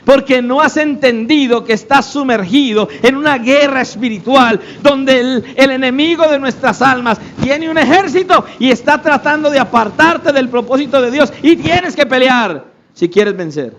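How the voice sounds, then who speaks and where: A man's voice: very high voice, moderate pace, fairly bright tone, slight background noise, low-quality recording. A man pastor preaching a sermon, emphatic, throwing rhetorical questions at the congregation.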